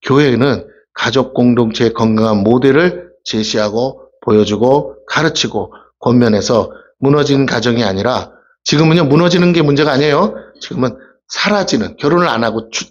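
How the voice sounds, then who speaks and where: Chatty pastor with a dull lo-fi sound. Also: male voice, medium pitch. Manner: chatty storytelling, asks the congregation questions, acts out voices. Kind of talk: casual, humorous sermon. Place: church sanctuary. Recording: dull lo-fi church recording.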